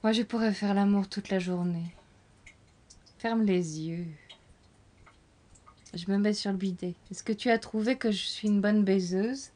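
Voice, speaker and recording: An actress playing a frank, restless young woman who talks softly and confidingly to a lover in a film scene. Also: mid-range voice, close to an everyday voice. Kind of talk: intimate film dialogue.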